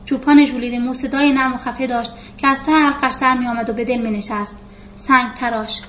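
A woman with a high voice reads a novel aloud in steady, scripted narration and speaks the characters' lines without changing her voice much. The recording is slightly muffled, with a faint hiss underneath. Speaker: audiobook narrator.

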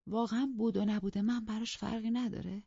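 A woman's voice: on the high side, fairly even intonation, vocal fry, warm tone, slightly rough, no echo, voice pushed up. A woman voicing a distraught, self-pitying young lady who is starving herself, pleading in agitated, frantic bursts. Dull, dry studio recording.

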